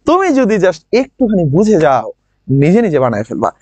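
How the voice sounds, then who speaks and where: A man with a regional Bangladeshi lilt teaching a grammar class online. He drills words by saying them slowly again and again and keeps asking his students questions. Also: high voice, wildly swooping pitch, warm tone, no echo, muffled recording. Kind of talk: online admission-prep class.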